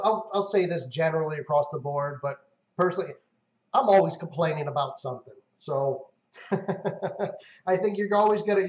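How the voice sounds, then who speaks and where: A man hosting a live gaming stream, talking in a rambling, chatty way with lots of fillers. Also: a little high. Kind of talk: casual gaming chat. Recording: roomy, dull lo-fi stream audio.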